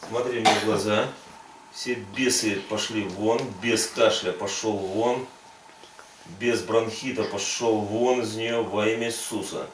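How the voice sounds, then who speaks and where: A faith healing preacher with a lowish, steady voice speaks unhurriedly, issuing insistent prayer commands and coaching in short, repeated phrases. The recording has an echoey room, a distant mic and faint noise.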